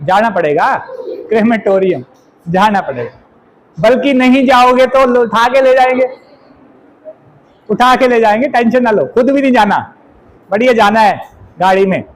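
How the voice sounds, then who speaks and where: A man teaching an exam vocabulary lesson, chatty and teasing, reading definitions out slowly. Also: very high voice, lively intonation, poor audio. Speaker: English teacher.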